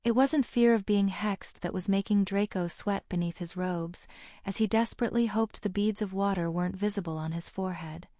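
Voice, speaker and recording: A woman reading an audiobook in a steady, even narrating voice. Her tone is mellow and dark. The recording is close and dry, with no room sound. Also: mid-range voice, brisk, no echo. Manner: steady, even storytelling delivery.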